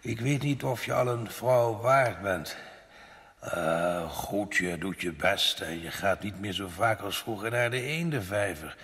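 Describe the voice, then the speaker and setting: An older actor playing an old king and doubtful, reproving father in a children's audio drama, halting and grave. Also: lowish voice, fairly bright tone, in a large hall.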